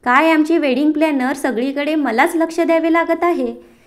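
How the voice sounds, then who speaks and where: A woman's voice: high voice, moderate pace, close to an everyday voice. A woman voicing a fussy middle-aged mother who grumbles and teases her family. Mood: grumbling.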